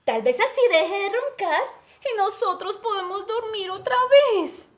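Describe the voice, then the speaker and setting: A gentle storybook cat, sleepy and coaxing, as a woman puts him on. The voice sits very high and drawls along slowly. He speaks softly, as if not to startle anyone. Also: expressive.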